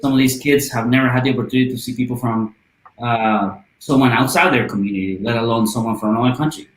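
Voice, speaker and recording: A Guatemalan man, a guest from a volunteer charity, speaks quickly at a medium pitch in a casual podcast interview. He's earnest and passionate, saying "uh" a lot, and the sound is roomy and echoey.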